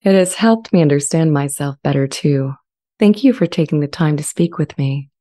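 Voicing a gentle AI that has become sentient and wants to be accepted, a woman speaks low and soft but animated, measured and articulate throughout. The mood is earnest longing. It is a dramatized transcript reading captured on a close studio mic with a pop shield.

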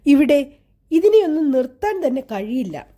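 A woman's voice: high voice, big pitch swings, normal speed, warm tone. A woman voicing an impatient, scolding young teacher in an audiobook story. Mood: irritated.

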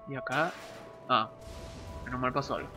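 A young man giving casual let's-play commentary, excitable, yelping and groaning as he plays and mixing in English words. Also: medium pitch, moderate pace. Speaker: gamer streamer. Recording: game music behind the voice.

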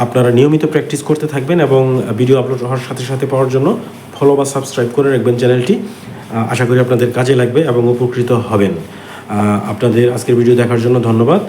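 A man with a Bangladeshi accent, teaching English grammar by walking through exam answers step by step with frequent filler pauses. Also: medium pitch, mellow. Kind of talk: exam question walkthrough lesson. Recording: echoey room with faint ambient noise.

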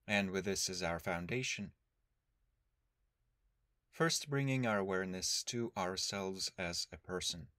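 In a clean studio recording with no echo, a man with a low-sitting voice guides a meditation as its teacher. He speaks calmly and deliberately, giving instructions separated by long pauses.

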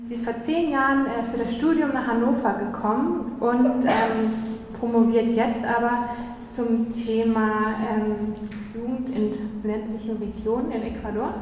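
A woman's voice: on the high side, steady tone, measured pace, darkish tone. A young woman moderating a panel discussion, introducing guests with many fillers, on a handheld mic in a small room. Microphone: handheld mic, far camera. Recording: echoey hall from far off, faint noise.

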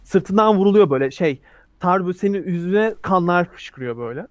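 A man's voice: high-pitched, expressive, a little fast, no room sound. A man running a tabletop role-playing game, explaining rules and narrating action scenes vividly. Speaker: game master.

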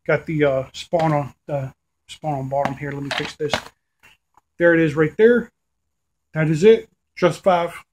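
This DVD-collecting vlogger, a man in his thirties, speaks at a measured pace with long pauses in a voice that's a little high and a little mellow. He rambles through a casual video update from a small room at home, correcting himself and using lots of fillers, recorded on a webcam.

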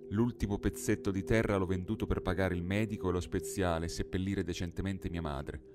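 A poor young village girl, earnest and frightened, speaking with quiet gravity, as a man reads her lines. His own low voice barely lifts for her. Singing bowl music hums clearly behind the audiobook reading. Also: fairly even intonation, moderate pace, natural voice. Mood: serious. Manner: grave, softly serious. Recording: studio narration over singing bowl music.

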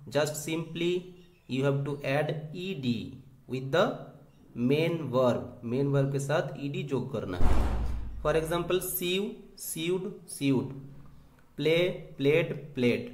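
Slow, deliberate man teaching. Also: mid-range voice, reverberant. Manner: slow, deliberate, repeats each example word twice, mixes Hindi and English. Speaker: English teacher. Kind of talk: grammar lesson.

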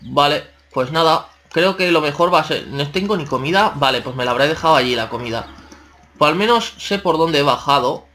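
A man's voice: a little high, lively intonation, brisk, sharp tone. Chatty man narrating gameplay. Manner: chatty, talks to himself and viewers, playful exclamations. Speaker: gaming channel host. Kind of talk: casual let's-play commentary.

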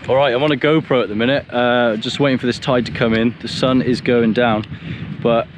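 Man in his thirties, casual vlog, relaxed and chatty, outdoor beach, camera held at arm's length, faint background noise. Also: mid-range voice, fairly quick. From England. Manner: relaxed, chatty, self-deprecating. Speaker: photography vlogger. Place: open beach outdoors at sunset. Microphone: camera-mounted mic, held at arm's length.

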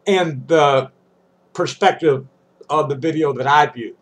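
An older vlogger reads a statement aloud and tosses in casual asides, his voice stuffy and congested. He speaks at a measured pace in a slightly high register from a small, cluttered room indoors.

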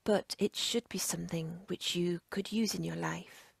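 A yoga nidra instructor guides a relaxation meditation in a breathy, husky near-whisper. She speaks in short, measured, soothing phrases at a fairly low, steady pitch, and the recording is dry.

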